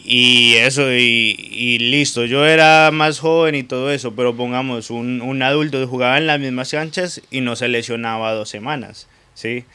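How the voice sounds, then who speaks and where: A man's voice: mid-range voice, sharp tone, clean tone. A man from Colombia with a Colombian accent, talking in a casual radio sports debate and often restarting his sentences. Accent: Colombian Spanish. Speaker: radio pundit.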